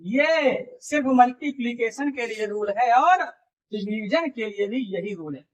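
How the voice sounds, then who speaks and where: A man's voice: very high voice, animated, measured pace, rough recording. A man teaching math in a video lecture, casually repeating each rule and checking that students follow. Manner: repeats points and checks understanding often; informal, calls students buddy and brother.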